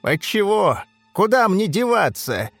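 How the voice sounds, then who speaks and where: A man voicing a filthy, spiteful old female bathhouse spirit with a creaky, snarling voice. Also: sits high, sing-song, a little slow, no echo, soft background music, voice pushed up, heavily acted.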